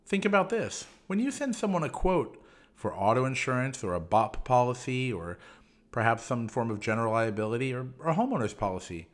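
A man hosting a solo explanatory podcast, talking in a measured, instructive way. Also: mid-range voice. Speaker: podcast host.

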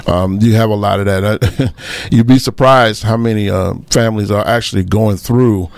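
A man co-hosting a radio show, talking casually about politics in a halting way that repeats phrases. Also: on the low side, steady tone, vocal fry, dry recording.

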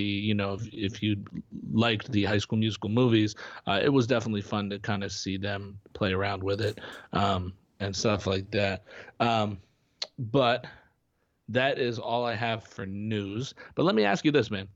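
A man co-hosting a podcast, chatting casually and rambling through restarts and fillers. His voice sits fairly low. The recording is dull and lo-fi. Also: fairly even intonation, normal speed, no room sound. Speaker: podcast co-host. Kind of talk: casual chat. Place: home in Florida.

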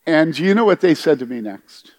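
A man's voice: big pitch swings, fairly quick, darkish tone. A middle-aged pastor from the United States telling a story in a conversational sermon, questioning his listeners and acting out the quoted voices. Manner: conversational, asks the congregation questions; acts out quoted voices with big pitch jumps.

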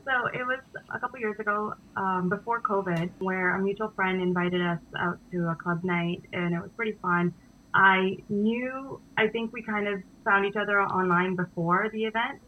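A young woman born in India, a dance company co-founder, answering interview questions thoughtfully with frequent fillers. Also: medium pitch. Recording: dull, lo-fi sound.

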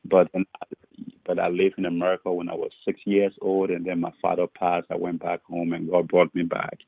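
A very low-voiced man from Liberia with a husky tone, speaking over a muffled, phone-like line. He is a pastor sharing his testimony in an interview, earnest, and he often restarts his sentences by repeating words. The sound is dry, with no room around it. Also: monotone, moderate pace, no echo. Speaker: pastor and author.

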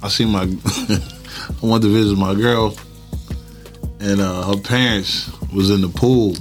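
A man's voice: on the low side, fairly even intonation, measured pace, faint music behind. Man telling crude stories bluntly. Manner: blunt crude storytelling with laughter. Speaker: podcast co-host. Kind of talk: casual storytelling chat.

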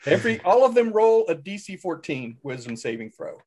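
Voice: medium pitch, sing-song, brisk, a little mellow, husky. A player at a tabletop game playing a cleric, joking and bantering casually with the table. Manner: joking, playful.

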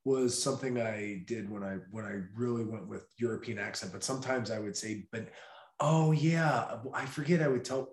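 A man in the middle pitch range hosts a podcast, rambling loosely through jokey stories and laughing often. His voice sounds like it bounces around an echoey room. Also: normal speed. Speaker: podcast host. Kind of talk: casual chat.

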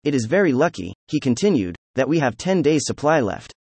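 A man narrates a story at a middle pitch, reading in an even, unhurried way. The sound is close and dry, with no room around the voice. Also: slightly rough, no echo. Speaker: audiobook narrator. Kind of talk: scripted narration.

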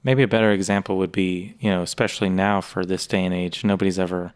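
A very low, smooth-voiced man chatting on a podcast. He is easygoing and agreeable, and his clear, resonant tone carries well. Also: steady tone, fast. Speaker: podcast co-host, music store employee. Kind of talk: casual podcast conversation.

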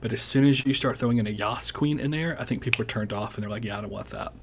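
A man in casual podcast chat, talking in animated bursts with frequent restarts and laughs. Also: mid-range voice, quick pace, noisy background. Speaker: podcast guest.

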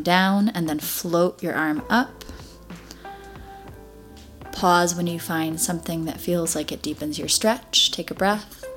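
A woman working as a Pilates instructor, guiding an exercise class with encouraging, step-by-step cues. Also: lowish voice.

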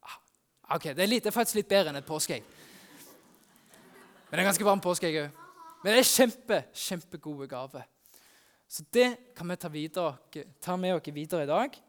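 Lively youth pastor man telling a story. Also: sits high, long pauses. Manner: lively, exclaiming, talks to children. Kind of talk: first-person Easter storytelling at a family service. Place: church service.

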